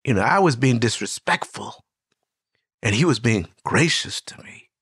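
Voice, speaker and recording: An older man hosting an interview, telling stories in a lively, conversational way with frequent restarts. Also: medium pitch, normal speed, husky, no room sound, clean studio sound. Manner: warm storyteller, animated with many restarts. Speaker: host.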